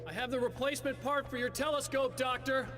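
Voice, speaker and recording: An actor playing an earnest, determined investigator in scripted video game dialogue. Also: male voice, very high-pitched, fairly even intonation, a little fast, over music. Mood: urgent. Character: earnest, determined male investigator caught in a time loop.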